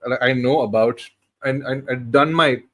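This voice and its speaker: A man's voice: medium pitch, normal speed, a bit bright. A man in his thirties co-hosting a film podcast, retelling scenes in casual chat with many restarts. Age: 30s. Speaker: podcast co-host.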